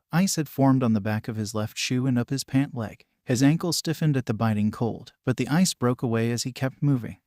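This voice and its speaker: A man's voice: medium pitch, darkish tone, no room sound. Man reading a story, dry close voice. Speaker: story reader. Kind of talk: scripted narration of fan fiction.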